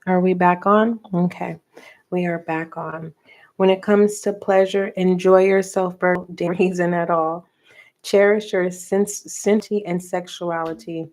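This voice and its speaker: A middle-aged woman giving a tarot reading for viewers, talking softly and slowly and pausing as she reads the cards aloud. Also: fairly low pitch, little pitch movement. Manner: slow, soft and meditative, reading cards aloud with pauses. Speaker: tarot reader.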